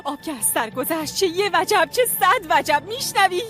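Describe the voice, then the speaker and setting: Desperate locked-up young woman, super high pitched, begging then plotting quiet. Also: expressive, over music. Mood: pleading, scheming. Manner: pleading and frantic, swinging to low hushed plotting. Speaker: daughter. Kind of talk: TV drama dub.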